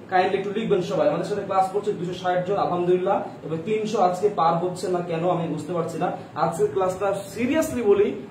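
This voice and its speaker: A Bangladeshi man with a fairly high voice teaches a live grammar class, repeating questions and urging students to write their answers. He sounds a little distant from the mic, and the room around him is echoey. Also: darkish tone, a little hiss or hum. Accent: Bangladeshi Bengali.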